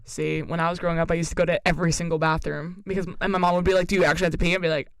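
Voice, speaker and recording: Brief: young female podcast co-host, quick banter, playful and laughing. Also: lowish voice, little pitch movement, no room sound, clean studio sound. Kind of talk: casual podcast chat.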